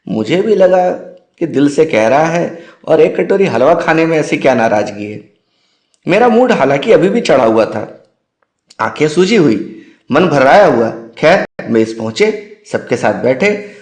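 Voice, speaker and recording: A man narrating his own story in a wry, dramatic storytelling manner. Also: medium pitch. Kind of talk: storytelling monologue. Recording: roomy echo.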